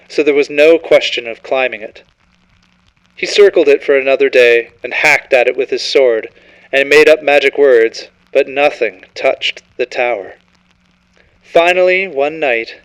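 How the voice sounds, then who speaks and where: A man's voice: mid-range voice, rough recording. A man reading a scripted horror story as narrator, in a dramatic, ominous storytelling manner.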